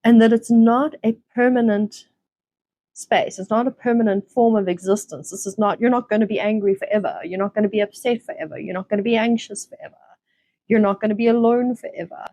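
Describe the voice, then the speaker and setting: Woman, self-development host, gentle conversational teaching, casual restarts, dry close sound. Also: on the high side, fairly even intonation, brisk, dry recording. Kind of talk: reflective teaching monologue.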